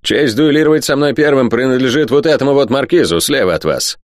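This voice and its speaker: A man's voice: mid-range voice, expressive, fairly quick, dry recording, clean studio sound, pitched above the performer's own voice, natural voice. A man voicing a hot-tempered young earl who snarls and spits scorn in an audiobook. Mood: scornful.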